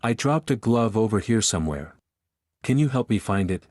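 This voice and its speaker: A man's voice: on the low side, lively intonation, moderate pace, a little mellow, no echo, studio quality, close to an everyday voice. A man voicing a playful, teasing young woman in an audiobook romance.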